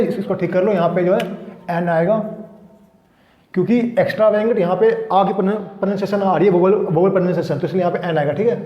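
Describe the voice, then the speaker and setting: A high-pitched man with an Indian accent explains English words in a loose, chatty classroom manner, often restarting and adding fillers. His voice rings with long reverb in a room. The recording sounds slightly dull. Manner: casual explaining, frequent "ठीक है" fillers and restarts. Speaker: English vocabulary teacher.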